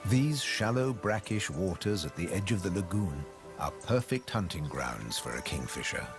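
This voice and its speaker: Low-voiced man narrating a nature documentary. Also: very animated, normal speed. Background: background music.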